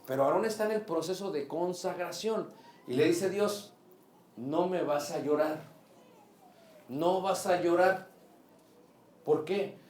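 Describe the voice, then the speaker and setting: Man, preacher, sermon, fairly high voice, echoey church room, faint background hum. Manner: animated, asks the congregation questions.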